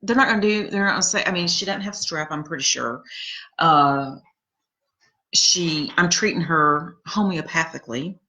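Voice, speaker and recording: Woman host, forties, chatty and rambling, bright lowish voice, casual live storytelling. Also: normal speed, rough recording. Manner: chatty, rambling, laughs at her own stories. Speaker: podcast host reading live comments.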